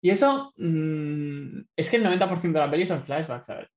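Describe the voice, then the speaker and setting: At a normal speed, a man with an expressive voice on the high side talks about a film, easygoing, meandering, and hedging as he goes. It's recorded with echo and a dull lo-fi sound.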